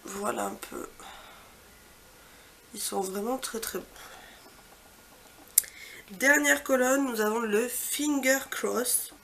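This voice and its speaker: A woman vlogger chatting casually through a makeup swatch walkthrough. She gushes with repeated superlatives and trails off into soft, quiet asides. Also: on the high side, slow pace, gravelly, long pauses, slight background noise. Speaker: beauty vlogger.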